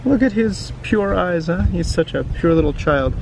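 Reading a picture book to young viewers, a teacher and children's book reader chats casually, his voice carrying a low-key crackle. He's expressive at a moderate pace and keeps turning to the listener with questions and tag questions, while outdoor noise and passing traffic sit clearly behind him.

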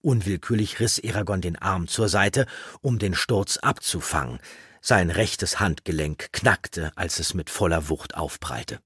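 Male audiobook narrator, deep voice, very husky, dry close sound. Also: unhurried, fairly bright tone, no echo.

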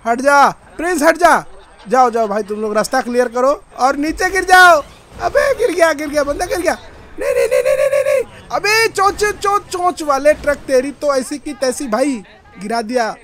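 A young man giving excited gameplay commentary, with loud, frantic outbursts and phrases repeated over and over. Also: very high voice. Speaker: gaming YouTuber.

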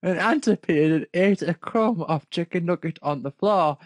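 Someone reads fan fiction aloud in a mid-range voice at a measured pace, with no room sound. They keep interrupting to question the text and make fun of it on the spot, so the whole thing plays as an amused reading with improvised commentary.

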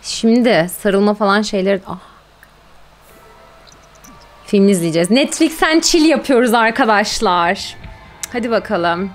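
Faint music plays behind a woman gaming streamer who chats casually as she plays, exclaiming, cooing at her pets, and addressing viewers. Her medium-pitched voice is expressive and unhurried, with long pauses.

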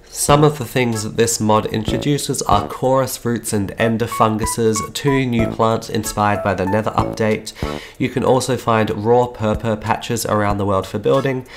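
A man's voice: fairly low pitch, steady tone, moderate pace, vocal fry. A man with a sick-sounding voice hosts a game mod showcase voice-over, upbeat and repeating words for emphasis. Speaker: YouTube host. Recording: guitar music behind voice. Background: guitar background music.

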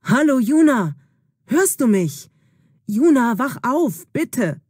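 A woman's voice: medium pitch, animated, unhurried, husky, dry recording, studio quality. A woman voicing a caring young man in a storybook, speaking firmly and soothingly. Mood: urgent. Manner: firm and soothing, louder than the narration.

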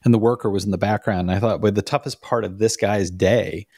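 A man's voice: lowish voice, fairly even intonation, fairly quick, darkish tone, breathy edge, no echo. A man in his forties co-hosting a podcast from a room at home, chatting casually with wry joking asides into a studio mic. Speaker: podcast co-host. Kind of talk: casual chat. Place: home room with door and framed picture. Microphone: studio mic with pop filter.

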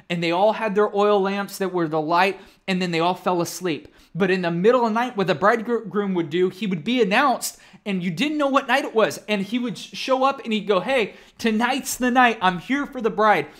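A man's voice: high-pitched, a bit bright. A male pastor in his thirties giving a casual livestream sermon, chatty and often asking the audience questions. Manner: conversational, asks the audience questions.

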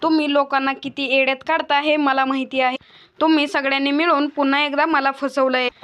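A woman voicing a furious, suspicious young husband in a retold TV serial, read in a flat way. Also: sits high, a little fast. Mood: angry. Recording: dull lo-fi recording.

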